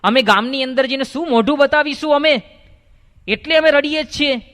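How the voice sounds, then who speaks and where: A man's voice: very high-pitched, brisk, fairly bright tone. A man voicing a group of upset young village men who explain that they have lost a friend. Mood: distraught. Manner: pleading, upset. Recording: long hall reverb.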